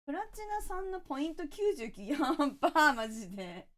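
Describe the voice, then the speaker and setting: A woman's voice: very high-pitched, lively intonation, quick pace, warm tone. A woman game streamer, chatting casually and thanking viewers one by one.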